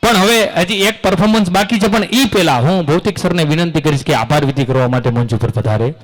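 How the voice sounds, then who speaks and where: A man's voice: fairly high pitch, fast, rough recording. A man hosting a school function, telling folksy comic stories on a stage microphone. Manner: folksy storytelling, quoting old ladies. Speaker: event host telling jokes. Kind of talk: stage comedy anecdotes in Gujarati.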